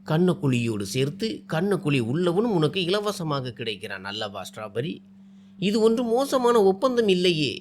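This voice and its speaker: A man's voice: a little high, sing-song, moderate pace, slight background noise. A charming, possessive young man, read by a male storyteller in a storybook tale, teasing and coaxing with a voice that rises and dips a lot. He is sure of himself and can turn cold and menacing.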